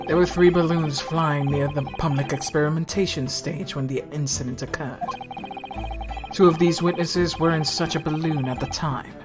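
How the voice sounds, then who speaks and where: A woman's voice: low-pitched, fairly even intonation, moderate pace. A woman streaming a game, reading its text and making joking asides. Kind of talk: let's play commentary and reading. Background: game music.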